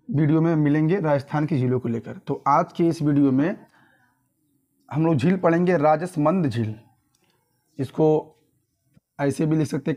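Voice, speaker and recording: Man, exam-prep teacher, young, mellow tone, higher pitch, repeats and quizzes. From Uttar Pradesh, India. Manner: repetitive, quizzing listeners with tag questions.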